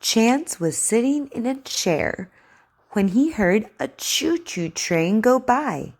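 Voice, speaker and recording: Woman, children's articulation teacher: slow, deliberately over-enunciated reading, animated intonation, encouraging delivery. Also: a little high. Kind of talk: instructional read-aloud lesson for children.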